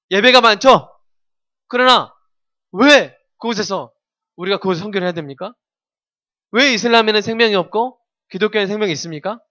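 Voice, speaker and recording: A man's voice: high-pitched, pushed and bright, no echo. A male pastor preaching a sermon to young people, constantly putting questions to the congregation and prompting them to answer. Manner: keeps asking the congregation questions and leading call-and-response.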